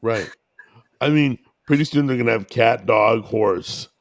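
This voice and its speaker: A man's voice: mid-range voice, measured pace, no room sound, clean studio sound. A man co-hosting a podcast in casual chat, joking and sarcastic while he shares his opinions. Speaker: podcast co-host.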